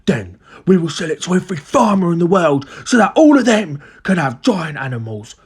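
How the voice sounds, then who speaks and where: A narrator voicing an excitable, domineering storybook father, insistent and exclamatory. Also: medium pitch, measured pace, breathy edge, voice pushed up. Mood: excited. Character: excitable, domineering father with grand money-making schemes.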